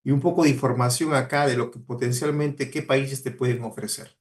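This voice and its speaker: Brisk and steady in tone, this medium-pitched male voice comes from a Peruvian guest speaker who works in mining. With a Peruvian Spanish accent, he delivers an earnest, exhorting motivational talk to students, driving points home by repeating key words.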